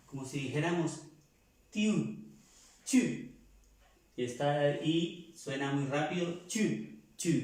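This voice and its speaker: A man's voice: medium pitch, a little mellow, distant mic. A man teaching a language lesson, explaining pronunciation patiently and repeating each sound several times. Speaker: French teacher. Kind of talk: slow classroom explanation. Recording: echoey room, voice from off-mic.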